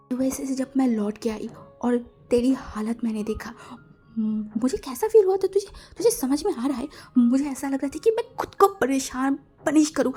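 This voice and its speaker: Lady doing a calm possessive older husband, hushed slow talk, mellow tone. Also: high-pitched. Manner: soft, hushed and slow in long speeches. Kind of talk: storytelling with acted dialogue.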